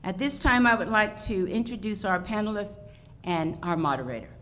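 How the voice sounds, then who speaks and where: A woman speaks at a podium, hosting and introducing a formal program. Her voice sits at an average pitch. The live event recording has some faint background noise. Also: moderate pace, fairly bright tone. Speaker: institute associate director, event host. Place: public event venue, audience present.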